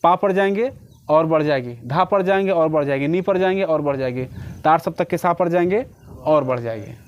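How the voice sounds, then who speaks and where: A man's voice: on the high side, fairly quick, dull audio. A man giving a one-on-one harmonium lesson, patiently explaining and checking that the student follows. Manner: sings short phrases to demonstrate notes. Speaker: music teacher.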